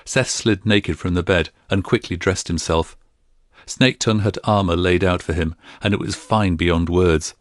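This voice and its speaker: A man narrating a fantasy audiobook in a steady, even storytelling manner. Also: sits low, normal speed, no room sound, studio quality. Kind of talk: scripted narration.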